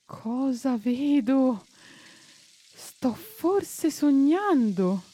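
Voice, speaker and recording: A woman voicing an old male gardener who is gruff with people but chats and teases his flowers. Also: mid-range voice, animated, normal speed, dark tone, pitched above the performer's own voice. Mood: astonished. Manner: chatty and teasing with plants, brusque with people.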